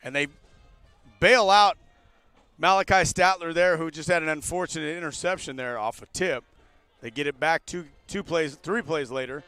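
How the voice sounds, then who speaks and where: A man doing live play-by-play commentary of a college football game for a radio broadcast, rising with excitement on big plays. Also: on the high side, moderate pace, smooth, no room sound, faint music behind. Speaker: play-by-play announcer.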